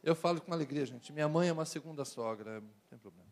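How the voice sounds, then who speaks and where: A middle-aged Brazilian pastor with a Brazilian Portuguese accent preaches to a youth audience. He talks in a loose, conversational way, mixing jokes with rhythmic repeated phrases, and his voice sits a little high for a man. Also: quick pace, gravelly. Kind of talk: sermon to young people.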